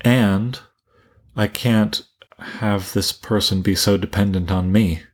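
Low-voiced man musing through a book. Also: steady tone, takes it slowly, darkish tone. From Canada. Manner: musing, thinks aloud with restarts. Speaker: podcast co-host. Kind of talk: casual book discussion.

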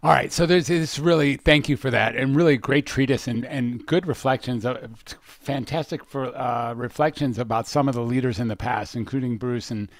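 A man hosting an interview, asking long, rambling questions with many pauses and fillers. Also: medium pitch. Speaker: podcast host. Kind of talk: podcast interview.

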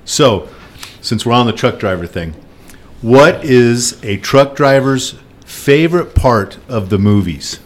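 A man's voice: medium pitch, lively intonation, takes it slowly. Man, podcast co-host, folksy, rambling, casual chat. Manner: rambling, folksy, many "uh"s and "you know"s.

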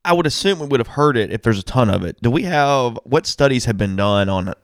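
Man, gravelly, lowish voice, halting and repetitive, dry studio sound. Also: lively intonation, no echo. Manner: halting, repeats words, thinks aloud. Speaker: sports talk show co-host. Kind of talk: casual sports radio chat. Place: radio studio.

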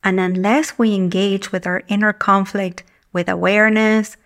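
A woman, hosting her podcast as a communication coach in a calm, measured, gentle way. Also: medium pitch. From Argentina. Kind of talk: scripted podcast monologue.

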